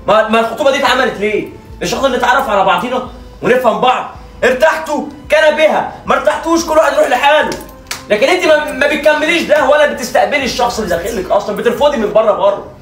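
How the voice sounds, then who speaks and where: A high-voiced Egyptian man playing a son who keeps pleading and smoothing things over, speaking at a very rapid pace. He is heard from afar in an echoey room, with faint music behind. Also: a bit bright, far from the mic. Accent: Egyptian Arabic. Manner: pleading, mediating. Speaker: son and brother in a family skit, video creator. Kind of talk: acted family drama sketch.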